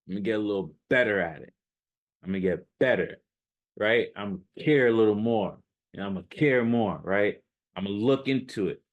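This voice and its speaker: A man with a lowish voice riffs off the cuff as a self-improvement coach. His motivational talk is emphatic, casual, full of slang, and keeps circling back to the same points.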